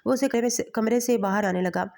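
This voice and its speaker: A woman storyteller narrating a bedtime romance story with a steady, even reading. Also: on the high side.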